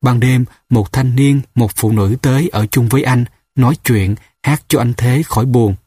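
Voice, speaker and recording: A man narrates a novel with steady, measured storytelling. His voice carries a husky grain. The recording is dry and close, with no room sound. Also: mid-range voice, dry recording. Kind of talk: audiobook narration.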